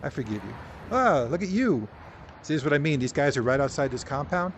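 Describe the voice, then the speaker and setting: A man's voice: fairly high pitch, expressive, fairly quick. A man giving casual, rambling VR gameplay commentary, joking and poking fun at himself, in a noisy recording. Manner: rambling, joking, self-deprecating. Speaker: VR game video creator.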